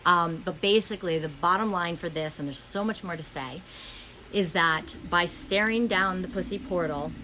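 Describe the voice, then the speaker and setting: Fast-talking woman in a spiritual monologue. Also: lowish voice, noisy background. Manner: flowing, fast, many ums and restarts. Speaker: podcast host. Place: friend's home indoors.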